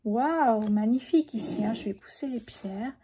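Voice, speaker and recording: A woman in her fifties with a sore throat, speaking softly and sometimes whispering as she lays out a tarot reading. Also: on the high side, moderate pace, slightly rough. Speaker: tarot card reader.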